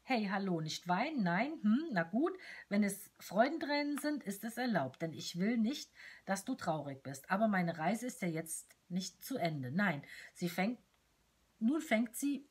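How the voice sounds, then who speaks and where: A woman's voice: mid-range voice, very animated, unhurried, a little mellow, husky. A woman reading aloud a chirpy, playful letter written in the voice of a tiny cheerful female companion doll with short arms. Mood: chirpy, tender.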